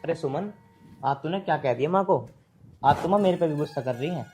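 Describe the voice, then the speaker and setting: A man's voice: fairly high pitch, fairly quick, dark tone, soft background music, lightly acted. An actor playing a concerned young husband torn between wife and mother in a village film drama. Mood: puzzled. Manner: concerned, protective. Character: caught-in-the-middle young husband.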